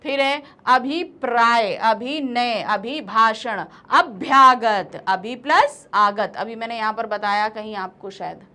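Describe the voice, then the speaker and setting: A woman teaching a grammar lesson, reading out word lists slowly one word at a time with quick explaining asides. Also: on the high side, pushed and bright. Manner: slow, deliberate word-by-word dictation with quick asides.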